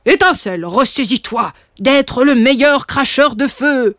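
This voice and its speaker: A woman doing a proud father dragon, slow and commanding, in a storybook reading. The voice sits high and unhurried, recorded close and dry. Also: animated, fairly bright tone, no echo. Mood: solemn. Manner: solemn, formal and commanding. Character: proud stern father dragon, male, fire-breather.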